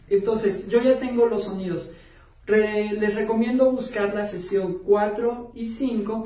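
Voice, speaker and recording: A course instructor walks through a lesson step by step, filling pauses with many small filler words and restarting words partway through. The voice is dark and mellow. It sits back from the mic in a roomy, echoing space. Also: medium pitch. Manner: frequent "este" and "entonces" fillers, restarts words mid-sentence. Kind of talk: online video lesson, step-by-step explanation. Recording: roomy echo, voice distant from the mic.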